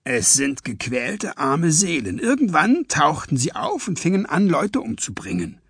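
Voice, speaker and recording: A man voicing a calm, commanding male detective with a clipped, matter-of-fact delivery in a husky voice. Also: fairly high pitch, unhurried, no room sound, clean studio sound, heavily acted. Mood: low, calm.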